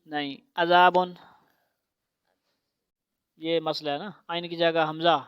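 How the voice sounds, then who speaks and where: A woman teaching Quran recitation to a child, spelling out syllables slowly for repetition and then explaining rules in quicker bursts. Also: low-pitched, little pitch movement, clear, resonant tone, no room sound, highs cut off.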